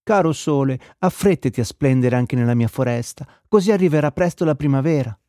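A man voicing an eager, excitable little female elf in a storybook reading. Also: medium pitch, a little fast, no room sound, studio quality, natural voice.

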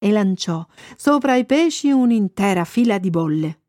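A woman narrating a children's storybook in an expressive, lively way. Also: mid-range voice, normal speed, no echo, studio quality. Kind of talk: storybook reading.

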